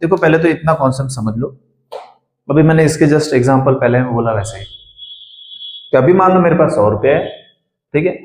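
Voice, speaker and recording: A man's voice: on the high side, darkish tone. A man tutoring maths to students, asking them questions and answering them himself. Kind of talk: blackboard-style maths lesson. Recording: roomy classroom echo.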